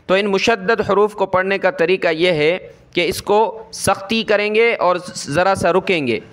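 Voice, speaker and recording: A man with a Pakistani Urdu accent giving a Quran reading lesson, explaining quickly and then drawing out each letter sound slowly. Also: high voice, fairly bright tone. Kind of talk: spoken lesson, spelling out Arabic letters.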